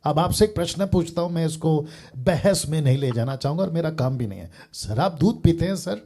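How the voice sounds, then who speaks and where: An earnest male preacher reasoning with a caller through homely examples. His voice sits a little high, with a soft husky grain and a mellow, dark tone. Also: lively intonation, fairly quick. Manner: earnest, reasoning by everyday examples, repeats "sir". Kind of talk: live call-in Q&A.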